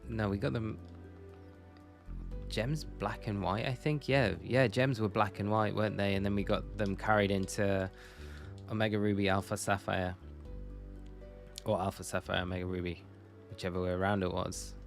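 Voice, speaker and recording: A young man with a lowish voice chats loosely with his viewers, often correcting himself mid-sentence. His talk rambles in an easy live-stream style, with faint music playing underneath. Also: steady tone, normal speed, long pauses. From Northumberland, England. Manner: chatty, rambling, self-correcting.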